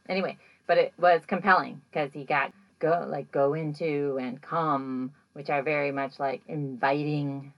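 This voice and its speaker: A woman recapping a paranormal show in a loose, chatty podcast style. Her voice sits low and has a gravelly fry to it. She rambles through the story with plenty of "like" and "you know," and livens up when she acts out the moments. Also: dull audio. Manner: animated when acting out moments. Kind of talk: casual episode recap.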